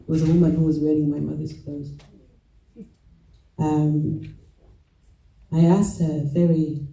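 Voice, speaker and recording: A woman of about forty speaks English with a Rwandan accent and a very dark, mellow tone. She tells her story haltingly, with pauses and restarts. The sound is roomy and picked up from some distance. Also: low voice, flat delivery, vocal fry. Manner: halting and reflective, with many pauses, fillers and restarts. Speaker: genocide survivor giving a testimony. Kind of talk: personal testimony talk. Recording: roomy echo, mic at a distance.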